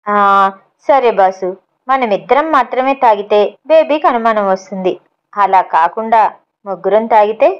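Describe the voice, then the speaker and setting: A woman's voice: on the high side, moderate pace, long pauses, smooth, lightly acted. A woman voicing a fearful, bumbling village man who pleads and asks naive questions, on a slightly dull recording. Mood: timid pleading. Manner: pleading, timid.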